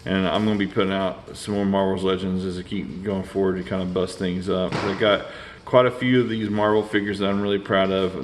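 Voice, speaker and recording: A man's voice: deep voice, slight background noise. A man, rambling casually through a toy review with lots of fillers and restarts.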